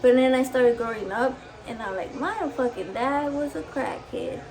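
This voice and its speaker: A woman whose first language is Spanish talks casually, with plenty of profanity, as she cooks in her home kitchen for a vlog, moving between English and Spanish. She has a Mexican accent and a slightly high, darkish voice at a moderate pace.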